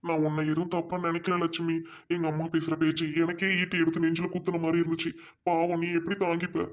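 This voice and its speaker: A performer voicing a gentle, patient village husband who reassures his wife in a Tamil cartoon. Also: medium pitch, monotone, quick pace, close to an everyday voice. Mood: consoling. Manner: soothing, reassuring.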